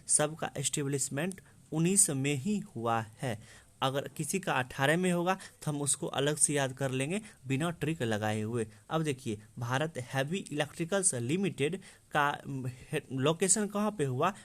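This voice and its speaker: Repetitive teacher. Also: male voice, on the high side, fairly bright tone. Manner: repetitive, drills answers by asking and answering himself. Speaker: exam prep teacher. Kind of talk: explaining memory tricks to students.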